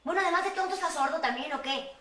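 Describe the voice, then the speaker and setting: A woman's voice: very high voice, rapid-fire, far from the mic, very noisy. An actress playing a defiant young Mexican woman held captive by her ex, in telenovela style. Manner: defiant, scornful. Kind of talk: telenovela acting. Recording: roomy TV audio, loud music.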